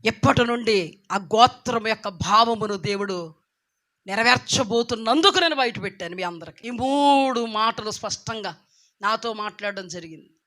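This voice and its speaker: A middle-aged woman giving a church testimony, moving from soft, tearful telling to loud, fervent preaching. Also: fairly high pitch, lively intonation, moderate pace. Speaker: testimony speaker.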